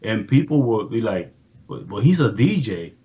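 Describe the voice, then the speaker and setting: A man who works as a music producer, a guest on a podcast, talking in an earnest, relaxed way in casual chat. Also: fairly low pitch, moderate pace, lo-fi sound.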